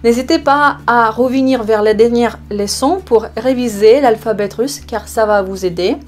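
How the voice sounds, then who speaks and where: A woman from Russia with a Russian accent, a language teacher explaining words slowly with hesitations and repeated examples. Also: on the high side. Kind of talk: online language lesson.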